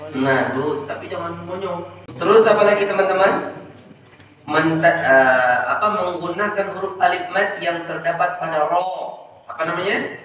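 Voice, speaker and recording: A man teaching Quran recitation in class, modelling pronunciation slowly and quizzing his students. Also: high-pitched, fairly bright tone, slight background noise. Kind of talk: classroom tajwid lesson. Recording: echoey room, mic far off.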